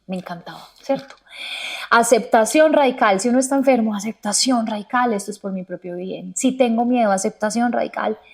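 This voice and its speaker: A woman's voice: medium pitch, darkish tone. A middle-aged woman, a yoga teacher talking earnestly in an interview and acting out her inner voice in little quotes. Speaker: yoga teacher, podcast guest. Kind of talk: reflective conversational interview.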